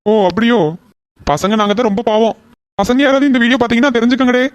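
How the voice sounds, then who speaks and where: A woman's voice: on the high side, quick pace, highs cut off, a little hiss or hum, close to an everyday voice. Woman doing a teasing young cartoon groom. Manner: joking, affectionate teasing. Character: sweet, joking young man in love.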